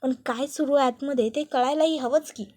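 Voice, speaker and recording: A scheming young woman, voiced by a female narrator, mutters sly asides to herself in a high voice. The tone stays secretive and self-satisfied throughout this told serial drama. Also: steady tone, a little fast, a little mellow, lightly acted. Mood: anxious scheming.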